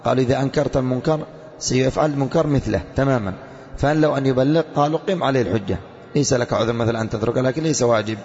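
A man teaching a religious creed text to students, reading passages slowly and then explaining them, asking rhetorical questions and answering them himself. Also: mid-range voice, a little mellow. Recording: lo-fi with long reverb in a hall.

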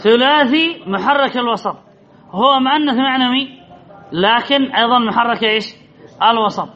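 A man's voice: very high-pitched, normal speed, pushed and bright. A man teaching Arabic grammar from a classical text, reading passages aloud and quizzing his students, then repeating their answers. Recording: slightly dull, faint background noise.

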